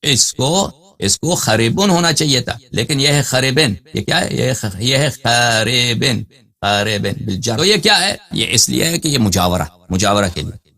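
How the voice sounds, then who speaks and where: A man's voice: medium pitch, very animated, bright, forceful tone. A man giving a scholarly lecture as a religious scholar, firing rhetorical questions and then answering them himself, and reading out citations and page numbers. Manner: cites texts and reads out page numbers.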